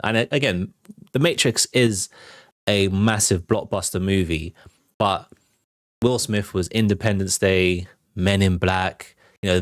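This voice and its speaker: Speaking straight to the people watching, a male host chats casually through a live entertainment news livestream in a conversational way. His voice is on the low side, captured as a dry, studio-quality recording.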